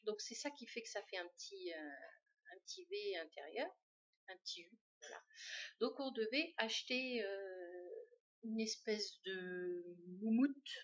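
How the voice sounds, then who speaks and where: A woman's voice: mid-range voice, animated, normal speed, fairly bright tone. Chatty woman with a lo-fi sound. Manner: chatty, hesitant, many fillers. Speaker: knitting podcaster. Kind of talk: casual show-and-tell chat. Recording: dull lo-fi sound.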